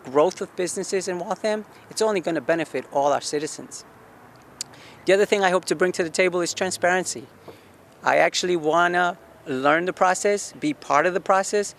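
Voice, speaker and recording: Earnest council candidate, somewhat high voice. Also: male voice, a bit bright. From Guatemala. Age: 40s. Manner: earnest, asks himself questions and answers them, frequent restarts. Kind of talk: campaign statement to camera. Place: outdoor rooftop deck in a city.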